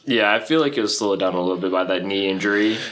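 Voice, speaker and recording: Low-ish voiced guy cohosting a sports podcast, upbeat and chatty. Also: fast, fairly bright tone. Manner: upbeat, conversational, friendly. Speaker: co-host. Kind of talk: casual sports podcast chat.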